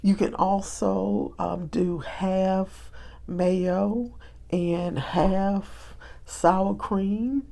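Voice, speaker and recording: A woman's voice: medium pitch, fairly even intonation, extremely slow, gravelly, warm tone. A woman chatting in a homey, casual way while demonstrating a recipe in her kitchen, with frequent fillers. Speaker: cooking vlogger.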